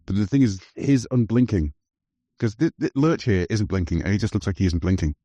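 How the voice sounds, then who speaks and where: Low-voiced man chatting about films. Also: brisk, mellow, no room sound. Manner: enthusiastic, talks over film scenes. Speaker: podcast host. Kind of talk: casual film commentary chat.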